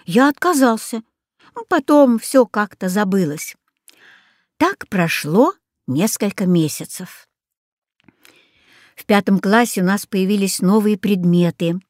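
A woman reading a children's story aloud as first-person narration in a steady storytelling manner. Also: mid-range voice, slow pace, pauses often, no echo, studio quality. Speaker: audiobook reader.

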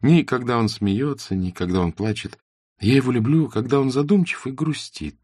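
A man voicing a shy, observant young woman in a classic novel audiobook, speaking softly and earnestly. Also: medium pitch, normal speed, slightly rough, dry recording, clean studio sound, voice pushed up, natural voice. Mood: gently teasing. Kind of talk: audiobook character reading.

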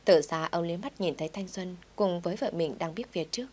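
Low-voiced woman narrating a story. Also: a little fast. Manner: gentle, reflective first-person reading.

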